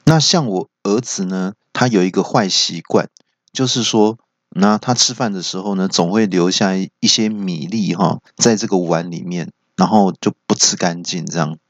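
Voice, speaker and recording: A man's voice: low-pitched, dry recording. Chatty male host telling jokes. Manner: chatty, joke-telling, drawn-out pauses. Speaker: podcast host. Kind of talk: comedic storytelling podcast. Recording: dull lo-fi podcast recording.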